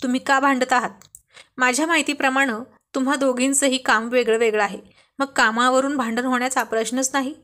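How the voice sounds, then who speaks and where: Woman reads a sharp-tongued young male boss, loud and scolding, a bit high. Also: steady tone, brisk. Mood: angry. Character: stern angry male office boss, young husband.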